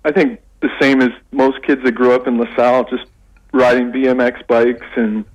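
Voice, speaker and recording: A middle-aged Canadian man speaking over a radio phone line, his voice at an ordinary middle pitch. He talks in a halting, easygoing way, stopping and restarting as he gathers his thoughts. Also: level tone. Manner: halting, with many restarts and fillers. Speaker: radio guest, English lecturer.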